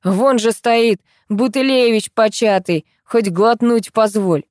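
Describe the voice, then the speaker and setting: A woman voicing a drunken older village man with a slow, slurred, wheedling drawl. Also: fairly high pitch, a little mellow, no room sound, studio quality, pitched above the performer's own voice.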